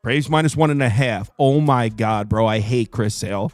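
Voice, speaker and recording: A man in his thirties hosting a sports betting show, chatting casually in an animated, jokey, self-deprecating way. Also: mid-range voice, normal speed, slight background noise. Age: 30s. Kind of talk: casual chat.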